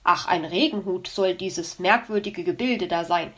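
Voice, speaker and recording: A woman's voice: lowish voice, measured pace, natural voice. A woman voicing a grumpy, boastful male fox in a storybook tale, grumbling and teasing.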